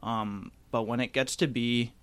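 A man's voice: mid-range voice, steady tone, a little slow, a bit bright, smooth. A man co-hosting a casual film podcast in an attic, hesitant and thinking aloud as he goes. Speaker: podcast co-host. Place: indoors in a chilly attic.

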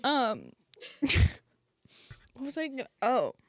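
Young woman, high voice, loud, playful, blurting, dry close sound. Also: normal speed, no room sound. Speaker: guest. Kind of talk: casual chat.

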